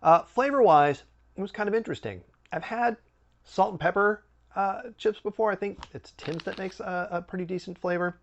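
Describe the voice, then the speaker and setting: A man hosting a snack review, chatting casually with animated, swooping emphasis. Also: high-pitched, normal speed, muffled recording. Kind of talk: casual food review chat.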